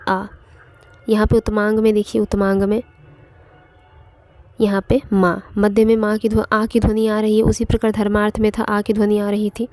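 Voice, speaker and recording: A woman's voice: medium pitch, darkish tone, no room sound. A woman teaching an online exam-prep grammar lesson, explaining step by step and repeating points with frequent fillers.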